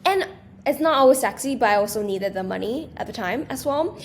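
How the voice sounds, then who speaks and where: A woman's voice: a little high, brisk. Young woman from Taiwan, interview guest, eager chatty delivery, faint background noise. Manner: animated, with many restarts and fillers. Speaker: guest, small business creator. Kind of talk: casual interview chat.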